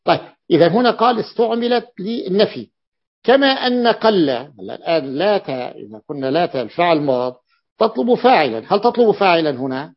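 A man teaching a classical grammar lesson as a sheikh, deliberate and repeating key words, with an "ah" between points. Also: high voice, animated. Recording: muffled lo-fi recording.

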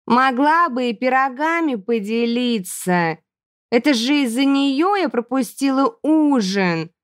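A woman's voice: high voice, lively intonation, takes it slowly, dry recording, clean studio sound, voice pushed up. A woman reading an audiobook, voicing a grumpy, sarcastic student girl who scoffs and grumbles. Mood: grumbling.

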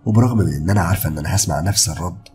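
A man with an Egyptian accent narrating a first-person horror story in a steady, brooding way. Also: deep voice, rapid-fire, faint music behind. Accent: Egyptian Arabic.

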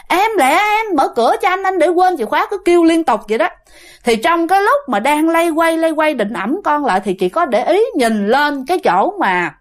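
A woman narrating a ghost story in a chatty way, speaking straight to her listeners. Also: high-pitched. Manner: chatty, talks to listeners directly.

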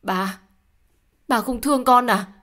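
A woman's voice: lowish voice, animated, moderate pace, fairly bright tone. Desperate young wife pleading, read by a woman. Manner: pleading, indignant.

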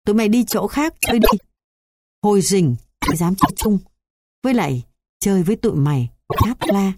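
A woman's voice: medium pitch, animated, moderate pace, a little mellow, lightly acted. Woman doing taunting village kids. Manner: taunting, dismissive. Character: taunting village children shooing others away. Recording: noisy hissy recording.

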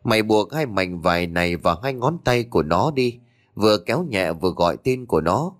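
A man voicing a calm, stern old village elder who talks in a grave, scolding grandfatherly tone. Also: lowish voice, a little fast, lightly acted. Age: older.

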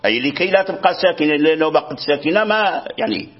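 A man's voice: a little high, animated, fast, dull audio. A man teaching Quran recitation rules, repeating words, restarting often and checking that his student follows. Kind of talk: explaining a lesson to a student.

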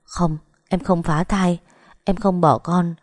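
A woman's voice: lowish voice, expressive, normal speed, dark tone, dry recording, clean studio sound. A woman voicing a desperate young pregnant woman who refuses through tears, pleading insistently.

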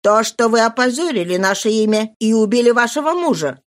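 A woman's voice: on the high side, animated, a little fast, voice pushed up, lightly acted. Woman voicing a merciless cold spinster. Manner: harsh, accusing, unyielding. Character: cold, merciless spinster sister-in-law, middle-aged.

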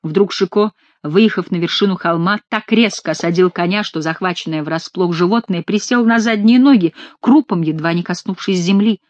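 A woman narrating an adventure audiobook, reading in a lively, expressive storytelling manner. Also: on the low side, normal speed, few pauses, no echo, muffled recording. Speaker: audiobook reader.

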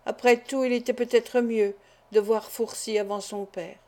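A woman narrating a classic novel as an audiobook, reading in a measured, steady way. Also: a little high.

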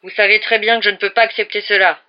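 A reader, likely a woman, voicing an authoritative male sheriff, commanding and steady, on a dull lo-fi recording. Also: medium pitch, quick pace, pitched above the performer's own voice, close to an everyday voice.

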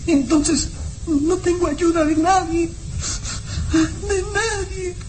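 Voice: very high voice, steady tone, takes it slowly, darkish tone, slight background noise, poor audio. An actor playing a grieving orphaned boy, earnest and pleading, in the melodramatic style of an old radio show. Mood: despairing. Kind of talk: old radio serial acting. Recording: old radio recording with music.

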